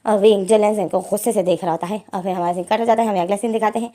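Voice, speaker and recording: A woman's voice: medium pitch, fairly even intonation, rapid-fire, dark tone. A woman reading fanfiction as casual storytelling, rambling with restarts. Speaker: fanfiction reader.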